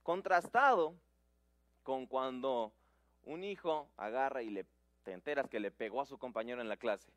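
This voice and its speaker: A man preaching a sermon, animated and with a slightly hoarse throat, who acts out the Bible quotes. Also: medium pitch, moderate pace, dry recording.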